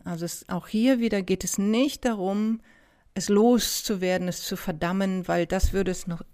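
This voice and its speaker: A woman therapist speaking gently, with many pauses and restarts, asking the listener reflective questions. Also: mid-range voice. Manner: addresses listener directly with questions. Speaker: somatic experiencing therapist. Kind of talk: reflective coaching talk.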